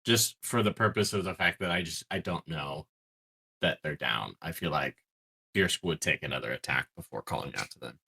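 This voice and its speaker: A man with a deep voice plays a tabletop game over an online call. His pitch moves around a lot. He sounds playful and chatty. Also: expressive, moderate pace, creaky, bright, forceful tone, husky. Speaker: player. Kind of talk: casual tabletop role-play.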